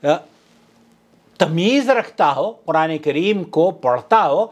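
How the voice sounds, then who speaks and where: High-voiced male preacher explaining earnestly. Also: expressive. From South Asia. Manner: earnest explanatory tone, addresses "brothers and sisters". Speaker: Islamic preacher. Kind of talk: religious lecture in Urdu.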